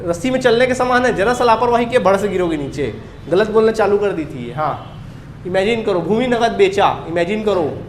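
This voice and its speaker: High-voiced man teaching an accounts class. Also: normal speed, reverberant, slight background noise. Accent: Chhattisgarhi Hindi. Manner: drills students with repeated questions. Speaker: commerce teacher. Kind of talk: classroom lecture.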